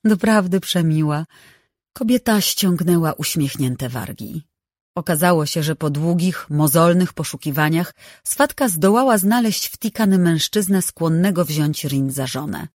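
An audiobook narrator reading a novel in a measured, even way on a close microphone. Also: mid-range voice, dry recording.

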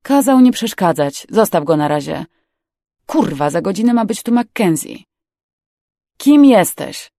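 A bad-tempered older male crook who barks orders and curses constantly, played by a woman reader. The voice is low, gravelly and dry. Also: expressive, normal speed, no room sound. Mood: angry. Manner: gruff, loud, cursing.

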